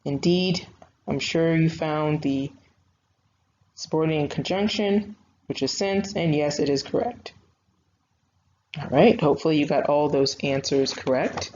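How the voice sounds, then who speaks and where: With long pauses and a measured pace, a young woman writing teacher speaks in a low, slightly mellow voice during a recorded online grammar lesson. She is patient and conversational, often using fillers. Faint noise sits under the slightly dull, lo-fi sound.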